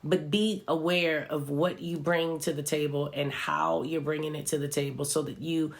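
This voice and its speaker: A stuffy-nosed social media vlogger talks directly to the camera, earnest and reflective, offering motivation while leaning on "right" and "you know." The voice is mid-range and creaky, level in tone and normal in speed.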